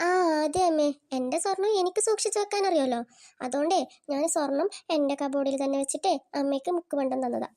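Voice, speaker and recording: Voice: sits high, quick pace, warm tone, pitched below the performer's own voice. A performer voicing a clever, sweetly cunning young daughter-in-law in a cartoon. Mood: smug. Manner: polite and sweet, then smug. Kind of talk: cartoon voice acting.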